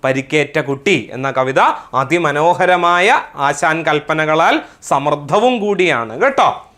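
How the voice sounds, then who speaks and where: A man's voice: fairly high pitch, animated, takes it slowly, sharp tone. A Malayali man teaching an exam prep lecture, who asks questions and answers them himself and recites verse in a lilting singsong.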